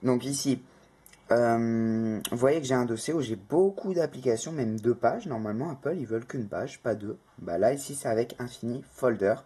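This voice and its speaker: A man's voice: medium pitch, normal speed, warm tone, husky. A man hosting a casual phone tutorial, rambling and correcting himself often with lots of fillers. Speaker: tech tutorial host. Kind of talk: casual screen-recorded tutorial.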